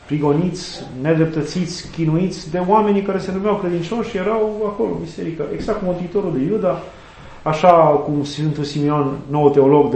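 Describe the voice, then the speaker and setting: A man's voice: fairly high pitch, darkish tone. A middle-aged man, an Orthodox priest, telling earnest stories in a conversational interview and quoting sayings and saints. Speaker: Orthodox priest and student chaplain. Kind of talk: conversational interview, reflective storytelling. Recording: echoey room.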